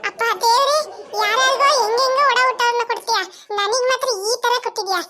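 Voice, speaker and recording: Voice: extremely high pitch, quick pace, sharp tone, faint music behind. A whiny cartoon little girl. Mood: whining. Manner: whining, pleading.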